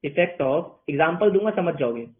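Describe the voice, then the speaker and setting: Male teacher, playful lecture style, fairly high voice, narrow tinny recording. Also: animated, moderate pace. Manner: playful, answers his own questions in students' voices. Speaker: commerce teacher. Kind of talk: online accounting lecture. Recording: tinny phone-like sound.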